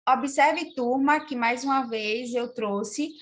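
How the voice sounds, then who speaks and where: Brazilian woman teacher for a children's remote class: high voice, slow and patient, echoey room. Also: a bit bright. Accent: Brazilian Portuguese. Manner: slow, patient, counts and spells aloud. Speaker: primary school teacher.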